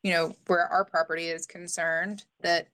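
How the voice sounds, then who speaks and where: A woman's voice: fairly low pitch, level tone, moderate pace, fairly bright tone. A woman, a business owner, talking informally in a news interview.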